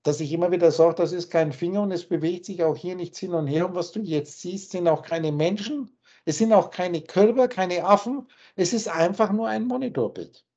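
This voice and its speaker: A spiritual teacher lectures over a video call, insistently pressing his points and circling back to repeat them. His voice is high-pitched, darkish, husky and breathy, at normal speed. The call audio is muffled and lo-fi.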